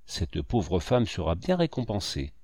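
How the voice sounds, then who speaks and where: A man's voice: deep voice, sing-song, measured pace, vocal fry, husky, no echo, studio quality, voice pushed down, heavily acted. A man doing a gracious rich lady. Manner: gentle, gracious. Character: gracious wealthy lady, generous and kind.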